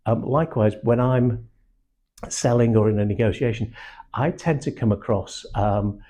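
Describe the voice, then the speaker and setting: Husky-voiced older English sales trainer. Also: male voice, mid-range voice, moderate pace. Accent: hard-to-place English. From Manchester, England. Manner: blunt and animated, acts out quotes, swears casually. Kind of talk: live training talk to a small group.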